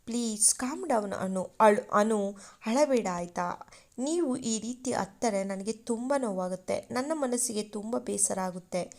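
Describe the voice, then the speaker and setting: A woman voicing a gentle young husband. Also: a little high, big pitch swings, takes it slowly, heavily acted. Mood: gentle soothing. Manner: gentle, soothing. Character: tender young husband comforting his wife.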